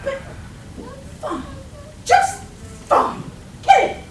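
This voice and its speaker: A woman's voice: drawn-out words, far from the mic. A woman playing a seductive, unstable half-weasel villainess in a melodramatic comic radio play, recorded live. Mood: vengeful. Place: live performance at a convention, distant mic. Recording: echoey, noisy live hall recording from afar.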